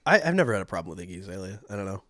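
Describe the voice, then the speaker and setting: A man's voice: low voice, very animated, rapid-fire, fairly bright tone, dry recording, clean studio sound. A young man co-hosting a podcast, telling stories in a rambling way with lots of fillers. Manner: rambling, filler-heavy storytelling. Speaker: podcast co-host. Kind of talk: casual chat.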